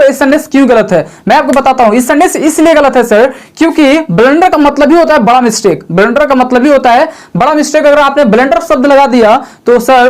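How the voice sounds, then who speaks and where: In this spoken grammar lesson, an English teacher with a very high-pitched voice quizzes himself and supplies the answers. His tone is chatty, he goes over every point more than once, and he addresses the viewer as "sir."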